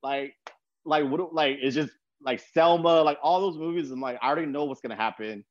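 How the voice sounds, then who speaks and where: A young man from Texas, USA, talks briskly as a podcast host, his voice on the high side. His casual conversation rambles and leans on slang, captured with no echo but a slightly muffled sound.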